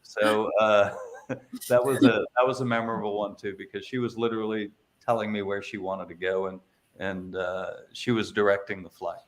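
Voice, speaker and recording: A man's voice: fairly low pitch, fairly even intonation, normal speed, slight background noise. A middle-aged man, a paramotor instructor, telling stories in a casual interview, with lots of fillers and restarts. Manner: hesitant, many fillers and restarts.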